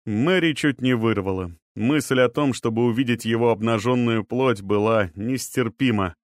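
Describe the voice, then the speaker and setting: A male audiobook narrator reads a script steadily in a mid-range voice at a moderate pace. The recording is dry, with clean studio sound.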